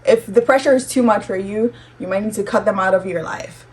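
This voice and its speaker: A woman's voice: mid-range voice, brisk. A young woman chatting casually on her vlog, giving advice and checking in with "okay?" often. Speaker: vlogger. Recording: distant mic with faint room noise.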